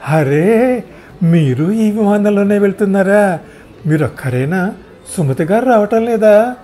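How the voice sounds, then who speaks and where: A man's voice: on the high side, animated, moderate pace, warm tone, soft background music, voice pushed up, lightly acted. A man voicing a talkative, meddling elderly mother in a wheelchair, fussing over everyone in a storybook reading. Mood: chatty.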